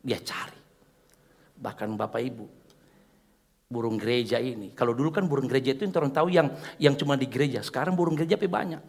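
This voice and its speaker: A man preaching a church sermon, joking with the congregation and swinging from soft asides to loud exhortation. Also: medium pitch, quick pace, gravelly, big-room sound. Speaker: pastor.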